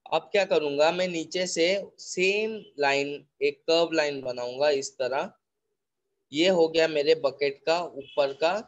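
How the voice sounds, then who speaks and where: A male art teacher with an Indian accent walks his online class through a pencil drawing, one careful step at a time. He speaks very slowly, going over each point twice and switching between English and Hindi. His voice sits a little high for a man. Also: muffled recording. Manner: slow, repetitive step-by-step explaining, mixing English and Hindi.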